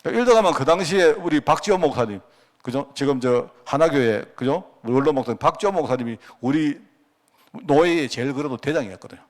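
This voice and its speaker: A middle-aged pastor with a Gyeongsang accent, telling personal stories in a sermon, with a folksy manner and chuckling asides. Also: male voice, fairly high pitch, expressive, fast. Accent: Gyeongsang Korean. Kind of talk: storytelling sermon. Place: church sanctuary.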